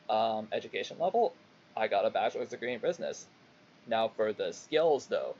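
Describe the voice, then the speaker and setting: Halting young man streaming, dull lo-fi mic. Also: mid-range voice. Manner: halting, rambling, frequent swearing. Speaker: VTuber streamer. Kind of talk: casual livestream monologue. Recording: dull lo-fi mic, faint background noise.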